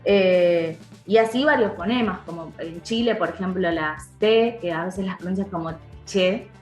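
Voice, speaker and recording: A woman's voice: on the low side, normal speed, a little mellow, echoey room, faint music behind. A woman with an Argentine accent, a voice-over and dubbing artist, explaining pronunciation patiently in a podcast interview and repeating words to show the sounds. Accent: Argentine Spanish.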